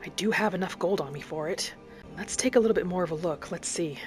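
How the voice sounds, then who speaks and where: Speaking quickly in a lowish voice, a gaming roleplay narrator muses aloud in a dramatic, in-character manner. Faint music can be heard behind her.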